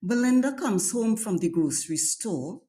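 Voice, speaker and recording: A woman with a Trinidadian Caribbean accent, teaching slang as a scripted lesson in a measured, deliberate storytelling delivery. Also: mid-range voice, sing-song, dark tone. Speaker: dialect teacher, host.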